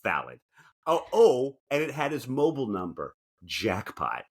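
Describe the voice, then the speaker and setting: With a medium-pitched, husky voice that swoops wildly, a podcast co-host talks a little slowly. He engages in casual comedic banter, reads articles aloud, and delivers mock-indignant asides with theatrical flair.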